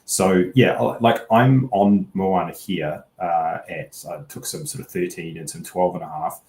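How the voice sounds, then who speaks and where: Low-voiced man in an echoey room. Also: fairly even intonation, measured pace, a little mellow. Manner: hesitant, rambling, hedging delivery. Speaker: rugby betting pundit. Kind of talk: casual sports analysis chat.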